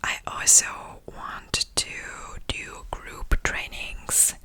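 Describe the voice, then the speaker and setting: A woman whispering a casual, meandering ASMR ramble in a crisp, breathy voice, very close to the microphone. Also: extremely slow, bright, forceful tone. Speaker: ASMR creator. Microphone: close-up ear-to-ear stereo microphone.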